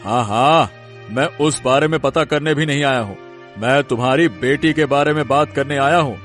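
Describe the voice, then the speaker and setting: In a Hindi cartoon story, a man voices a stern, domineering village big man who is vengeful and menacing, scolding and threatening as he schemes against a young woman. His voice is medium-pitched, fairly bright and natural, at a normal speed, with soft background music.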